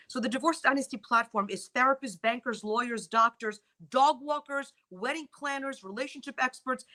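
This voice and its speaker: A Polish-born, middle-aged woman whose first language is Polish appears as a divorce lawyer guest on a morning TV talk show. Her voice is on the high side with a sharp tone, and she tells stories emphatically, full of exclamations.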